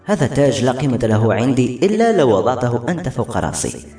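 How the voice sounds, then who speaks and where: A man reading the lines of a poor young knight, earnest and halting, in an audiobook. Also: medium pitch, sing-song, warm tone. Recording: roomy with faint music.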